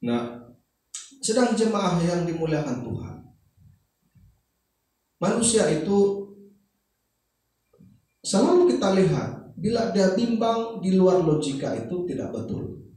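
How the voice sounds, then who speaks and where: A male pastor with a Sabah Malay accent preaches in a high voice that swings up and down. He tells a story and acts out each person's lines. The sound comes from a distant mic in a very echoey church. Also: takes it slowly, long pauses. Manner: animated storytelling, acting out dialogue. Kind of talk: sermon with anecdotes. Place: church service.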